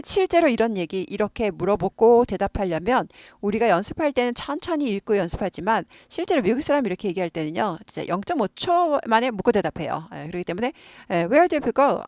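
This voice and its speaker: A woman teaching English, explaining grammar and slowly repeating words for pronunciation drills. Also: mid-range voice, a little mellow, dry recording, clean studio sound.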